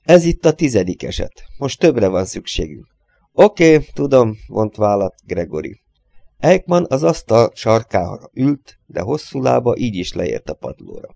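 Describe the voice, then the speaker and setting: A man reading a crime novel aloud as an audiobook, lifting his voice for the characters' lines and dropping low for the narration between them. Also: sing-song, gravelly, dark tone, no room sound, studio quality. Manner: voices dialogue with lifted pitch, drops low for narration tags. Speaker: audiobook reader.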